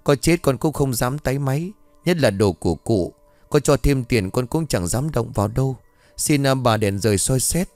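Scared young servant girl, pleading and jumpy, read by a man narrator; lively pitch, dry recording. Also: normal speed, dry recording, soft background music, close to an everyday voice. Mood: frightened pleading. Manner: pleading, fearful.

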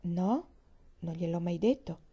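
A woman's voice: lowish voice, lively intonation, measured pace, warm tone, husky, highs cut off, exaggerated voice. A woman reading aloud, voicing a cheerful, earnest little orphan girl in a raised, pleading voice.

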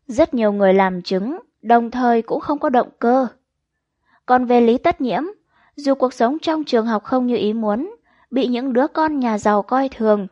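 A woman reading a crime novel aloud as an audiobook narrator, in an even, measured storytelling manner. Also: a little high, no echo, muffled recording. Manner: even, measured storytelling with quoted dialogue read in.

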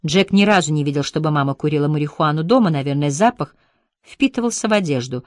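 A woman calmly narrating an audiobook in an even storytelling manner. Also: deep voice, fast talker, no echo, studio quality. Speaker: audiobook reader. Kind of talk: scripted narration.

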